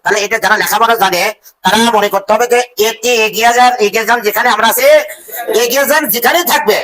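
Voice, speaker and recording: A male teacher leading a classroom drill, calling out phrases in a slow sing-song and having the class repeat them. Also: sits high, slight background noise. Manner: slow sing-song drilling, stretched words and loud cues. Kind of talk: call-and-response classroom drill.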